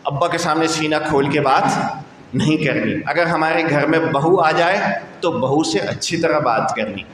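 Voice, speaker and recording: A man's voice: on the high side, fairly bright tone. A man from Pakistan delivering a sermon to a congregation in a mosque, exhorting them with rhetorical questions. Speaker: mufti preacher. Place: large mosque hall. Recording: echoey mosque with long reverb, faint noise.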